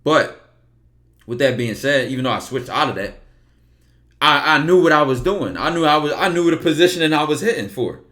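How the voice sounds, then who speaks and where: A man's voice: on the high side, animated, normal speed, a bit bright. A man hosting a live stream and taking callers, talking bluntly and loosely, with swearing and rhetorical questions. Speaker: streamer hosting call-ins. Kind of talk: casual live-stream chat.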